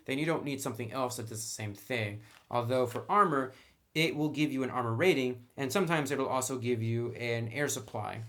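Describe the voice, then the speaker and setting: This man's voice sits at a medium pitch with a fairly bright tone. He flips through a book and reviews it casually and off the cuff, chatting his way through each item.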